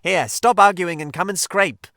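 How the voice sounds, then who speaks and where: Loud impatient rat, a man voicing him, pushy and emphatic, voice jumps around. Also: high voice, very animated, slow, no echo, clean studio sound, pitched above the performer's own voice, full character voice. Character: impatient, excitable male water rat.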